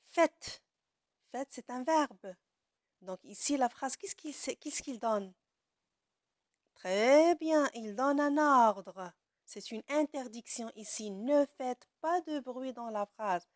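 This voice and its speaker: Slow, deliberate woman teacher. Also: sits high, animated, dry recording, clean studio sound. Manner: slow and deliberate, stretches key words, frequent praise. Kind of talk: grammar lesson for children.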